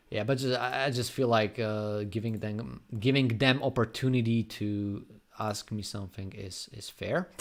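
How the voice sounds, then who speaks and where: A man from Slovakia with a Slovak accent, chatting casually on a live stream and answering viewers' questions in a rambling, unhurried way. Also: fairly low pitch. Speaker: graffiti artist live streamer.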